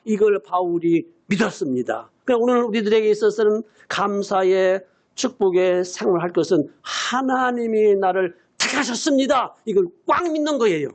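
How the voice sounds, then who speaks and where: A man in his eighties preaching a sermon as senior pastor. He repeats his key phrases for emphasis and sometimes breaks into shouts. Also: extremely high pitch. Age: 80s.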